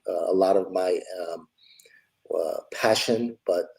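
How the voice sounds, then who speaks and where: A man in his forties from Los Angeles, answering interview questions in a relaxed way and thinking aloud with many fillers. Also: sits low, measured pace, creaky, low-quality recording. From Los Angeles, United States. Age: 40s. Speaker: guest, entrepreneur.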